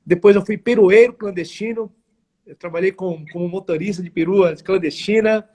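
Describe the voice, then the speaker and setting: A São Paulo man in his forties is the guest on a live interview, a network marketing entrepreneur telling his story. His voice is high for a man, husky and mellow, at a normal pace. He speaks earnestly and emphatically, in formal phrasing, and often restarts his sentences.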